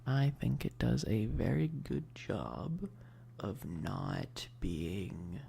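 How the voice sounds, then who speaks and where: This ASMR livestream host speaks very slowly yet very animatedly in a mid-range, breathy voice, often whispering. Her casual chatter is rambling, hesitant, and self-deprecating, with a little hiss or hum in the audio.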